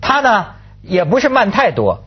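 A man hosting a casual panel chat in a rambling, animated way, repeating phrases and throwing out rhetorical questions. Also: sits high, normal speed, breathy edge, highs cut off. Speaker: talk show host.

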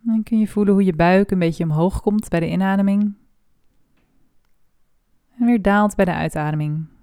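Calm woman guiding a body scan. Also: mid-range voice, dry recording, studio quality. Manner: slow, soft and calm with long pauses. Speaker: meditation guide. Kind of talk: guided body scan meditation.

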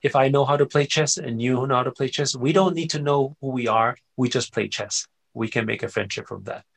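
Gravelly-voiced man, animated interview guest. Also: mid-range voice, a little fast. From Austria. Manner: animated storyteller, frequent "right?" and "you know" tags. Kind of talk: casual conversational interview.

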